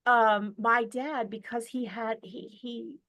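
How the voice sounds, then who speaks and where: An American woman on a video call tells a family story as a podcast guest, sounding earnest and chatty with plenty of fillers and restarts. Her voice is a little high, bright, and steady, and she speaks slowly on a dry recording.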